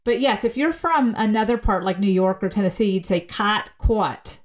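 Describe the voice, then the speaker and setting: A woman sociolinguist explaining language as a guest in a podcast interview, spelling words out slowly and laughing easily. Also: medium pitch, expressive, darkish tone. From United States.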